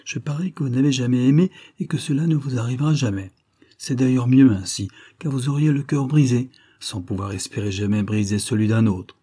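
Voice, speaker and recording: A man's voice: medium pitch, brisk, mellow, breathy edge, natural voice. A man voicing a vain, flighty eighteen-year-old schoolgirl who gushes and boasts. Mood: boastful. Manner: boastful, gushing, a little hysterical.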